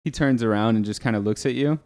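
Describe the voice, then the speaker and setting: A man's voice: mid-range voice, fast, darkish tone. A man narrating and describing scenes as the game master of a tabletop game.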